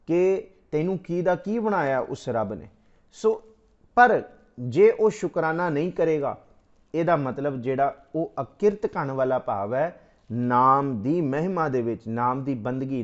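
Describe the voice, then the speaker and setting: A man expounds Sikh scripture, slowly reciting verses and then explaining them phrase by phrase. Like a teacher, he poses questions and answers them himself. His voice is mid-range and the audio sounds dull.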